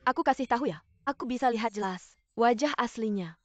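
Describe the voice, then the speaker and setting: A woman's voice: a little high, brisk, dry recording, dull audio, natural voice. Woman dubbing a nagging, doting mother. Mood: scolding. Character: overbearing middle-aged mother, doting on her son. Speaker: dub actress. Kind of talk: dubbed TV drama dialogue.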